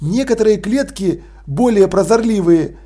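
Man narrating an audiobook, lively, fairly high voice. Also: moderate pace. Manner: expressive, lively storytelling. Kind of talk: audiobook reading.

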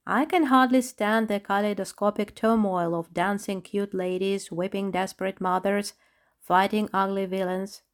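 A woman's voice: medium pitch, fairly even intonation, moderate pace, natural voice. A woman voicing a sensible, attentive female doll in a children's audiobook, talking politely and reasoning things through. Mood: earnest.

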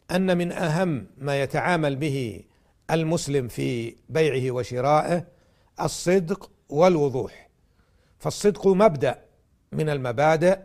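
A man's voice: medium pitch, creaky, darkish tone. A man giving a religious talk in formal standard Arabic, teaching in a didactic way and setting out his points one by one. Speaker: religious programme host and lecturer.

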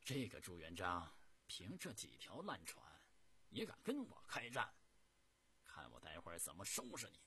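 A man's voice: low-pitched, huge pitch swings, normal speed, pushed and bright, breathy edge, full character voice. A male storyteller voicing an arrogant, ruthless warlord who sneers and barks orders. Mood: gloating.

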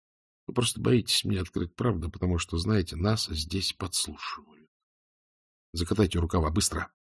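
A man voicing a calm male Soviet intelligence officer, questioning a prisoner in a quiet, measured way. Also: deep voice, gravelly, slightly rough, no room sound, studio quality, exaggerated voice. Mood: urgent.

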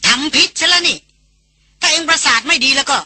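A reader doing an irritable young man, scoffing, impatient, sharp bright tone. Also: high-pitched, brisk, voice pushed up.

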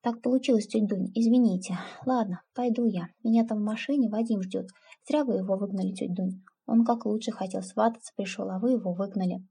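A woman's voice: mid-range voice, brisk, vocal fry, few pauses, warm tone, husky. A woman voicing a timid, earnest young village woman who pleads and defends herself.

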